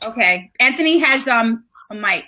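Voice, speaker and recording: High bright-voiced woman on a video call. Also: animated, moderate pace, a little hiss or hum. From New York. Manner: chatty, restarts often, coping with connection trouble. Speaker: co-host of a live video chat. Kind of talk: casual live video chat.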